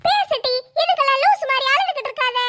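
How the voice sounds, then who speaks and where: A woman's voice: very high voice, animated, fast, sharp tone, heavily acted. A woman voicing a bold, bossy older sister who scolds and reassures in a brash way.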